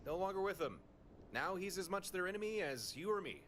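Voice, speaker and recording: A lively game crewmate. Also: male voice, high voice, fairly quick, slight background noise. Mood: reassuring. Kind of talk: video game character dialogue.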